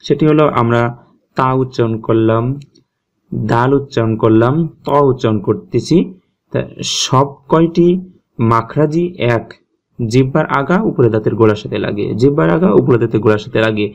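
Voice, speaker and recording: A man's voice: mid-range voice, darkish tone, muffled recording. A man teaching Quran recitation step by step, patiently repeating each sound and checking in with his listeners. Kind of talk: step-by-step tajweed lesson.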